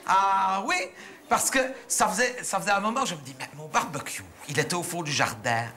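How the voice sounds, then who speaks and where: A man's voice: sits high, moderate pace, sharp tone, slight background noise. A man with a Belgian French accent playing a naive, gossipy middle-aged housewife in a chatty, indignant stand-up monologue on a theatre stage. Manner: chatty, indignant, breathless storytelling. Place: theatre stage before live audience.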